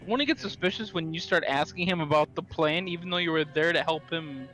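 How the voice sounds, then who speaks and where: A man's voice: fairly high pitch, fairly quick, fairly bright tone, soft background music. A man playing a tabletop game, joking and teasing the others. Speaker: player.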